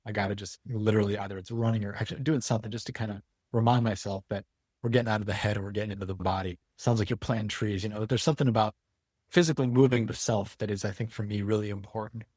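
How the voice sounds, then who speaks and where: A man speaking as a guest educator in an interview, thoughtful and measured. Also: fairly low pitch, steady tone, darkish tone, husky, dry recording, studio quality. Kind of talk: reflective interview talk.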